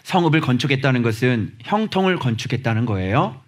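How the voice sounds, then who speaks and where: Animated husky-voiced preaching man. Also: mid-range voice, fast. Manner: animated, shouting exhortations at the congregation; acts out little dialogues in different voices. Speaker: pastor. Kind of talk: sermon. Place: church sanctuary.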